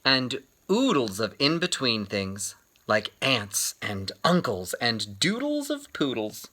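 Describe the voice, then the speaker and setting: Speaking in a mid-range voice, a man performs a children's book aloud like a storyteller. He shapes each line theatrically and deliberately, pausing for dramatic effect.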